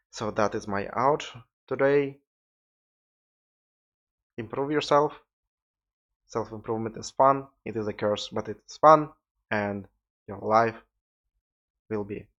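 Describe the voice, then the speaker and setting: A tired man with a Russian accent, hosting a solo podcast in a rambling, informal way with some swearing. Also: fairly low pitch. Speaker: podcast host. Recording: dull lo-fi recording.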